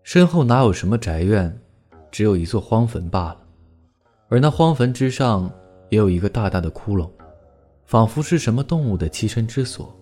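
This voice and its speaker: A man narrating a ghost story with a measured, dramatic delivery. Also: on the low side, lively intonation, mellow. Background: faint guitar music.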